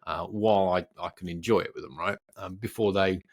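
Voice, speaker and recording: A middle-aged British man co-hosts a podcast, chatting casually with a low-pitched, steady voice at a fairly quick clip. His talk rambles and leans self-deprecating.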